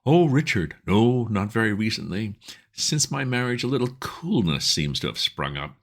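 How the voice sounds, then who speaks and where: A man voicing a pompous elderly English lord who speaks in stiff, formal, measured sentences. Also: fairly low pitch, sing-song, pitched above the performer's own voice. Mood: stately. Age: older.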